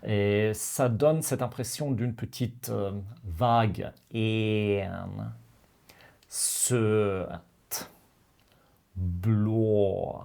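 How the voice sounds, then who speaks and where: A man teaching pronunciation to learners, talking slowly with many pauses and hesitant fillers. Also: fairly low pitch, vocal fry, a little mellow. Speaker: language teacher.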